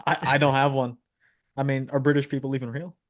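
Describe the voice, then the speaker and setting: A man's voice: medium pitch, flat delivery, quick pace. A man hosting a podcast, steering the talk and joking around casually. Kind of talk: casual chat.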